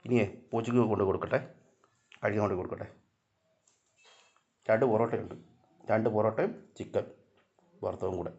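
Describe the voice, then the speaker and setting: A man filming a casual vlog, talking to his cats, coaxing them and now and then scolding them in loud, high calls. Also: steady tone, a little fast, gravelly, long pauses, highs cut off. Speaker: vlogger. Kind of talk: casual vlog talk to camera and pets.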